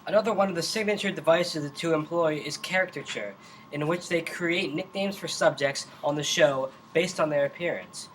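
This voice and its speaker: A man's voice: on the high side, moderate pace, fairly bright tone, low-quality recording. A man co-anchoring a parody news programme with formal, scripted phrasing. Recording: faint background noise.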